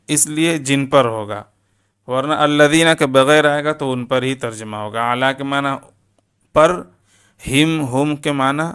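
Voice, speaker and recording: A man teaching word-by-word meanings in a slow, deliberate lesson, repeating each meaning. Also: medium pitch, fairly bright tone, clear, resonant tone. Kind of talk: step-by-step lesson.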